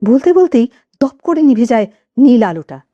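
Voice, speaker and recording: A woman narrating an audio story in a measured, dramatic way. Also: a little high, sing-song, no echo, muffled recording.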